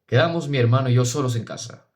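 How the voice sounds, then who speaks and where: A man narrating a literary audiobook in a measured, solemn, expressive reading. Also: medium pitch.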